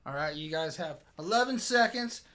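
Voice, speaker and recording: High-pitched man, bright voice, game master, casual halting narration, excitable.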